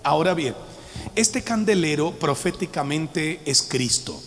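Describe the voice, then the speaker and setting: Man, pastor, sermon-style Bible teaching, emphatic, slightly high voice, long hall echo, faint music behind. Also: lively intonation, measured pace. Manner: emphatic, calls on the congregation to respond. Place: church hall with a live audience.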